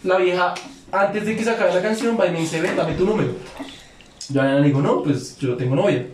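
A man's voice: high-pitched, brisk, roomy sound, noisy background. A young man telling a long story among friends, slangy and profane, acting out both sides of a quarrel. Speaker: podcast guest.

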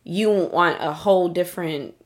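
A woman's voice: on the low side, moderate pace. A woman co-hosting a podcast, telling a personal story in a candid, emphatic way, cursing often and saying "like" a lot. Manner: emphatic, profane storytelling with frequent "like". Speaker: podcast co-host. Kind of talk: candid casual podcast chat. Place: Dallas.

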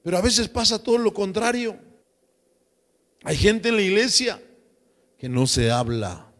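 A man preaching a sermon as pastor, lively and joking, slipping into slang voices. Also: sits high, a little slow, in a large hall. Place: church.

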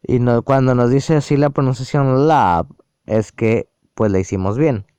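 A man calmly walking through a language app on screen, explaining each step aloud. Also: medium pitch, a little slow, smooth, dry recording. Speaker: app reviewer. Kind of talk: casual screen-recorded app walkthrough.

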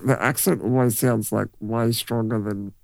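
A young Australian man talking casually on a podcast, with a gravelly, creaky edge to his voice. He sounds easygoing and stop-start, often restarting his sentences. The sound is dry and close, with no room echo. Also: fairly low pitch, fairly even intonation, a little mellow. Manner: easygoing, halting with many restarts. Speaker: podcast co-host. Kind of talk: casual chat.

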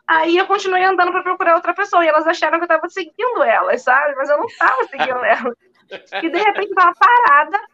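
A woman, a guest actress, telling stories in a lively, animated way, acting out quotes and laughing. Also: very high voice, fast talker, highs cut off. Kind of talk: casual storytelling chat.

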